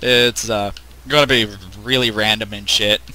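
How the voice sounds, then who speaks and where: A man's voice: lowish voice, fairly even intonation, normal speed, pushed and bright. A man giving casual, joking commentary while playing a video game, swearing and laughing at what happens on screen. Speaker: let's play gamer.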